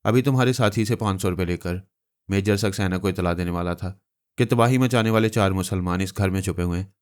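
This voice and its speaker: A man's voice: low-pitched, a little fast, darkish tone, clean tone, lightly acted. A man reading a novel aloud, voicing a desperate, lovesick male informer with an anguished, pleading delivery.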